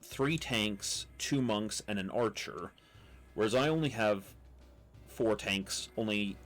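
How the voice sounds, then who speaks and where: A man's voice: fairly low pitch, slow pace, fairly bright tone, soft background music. A man streaming a game, explaining strategy and lore at length in casual commentary, swearing now and then.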